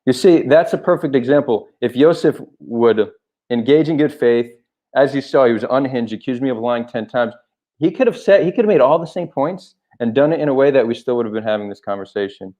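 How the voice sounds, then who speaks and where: Male host, call-in debate; measured, patient delivery, muffled lo-fi audio. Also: medium pitch. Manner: calm, measured, repeatedly tries to get a word in.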